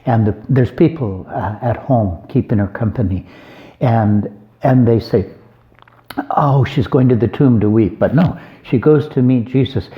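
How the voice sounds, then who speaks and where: A man's voice: mid-range voice, a little slow, highs cut off. A man, an abbot, giving an informal homily on a Gospel reading, conversational and folksy, with joking asides.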